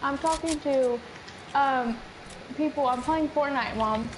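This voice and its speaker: A woman's voice: sits high, slow, background noise. A woman chatting while playing an online game with friends, insistent and demanding. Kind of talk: casual gaming chat.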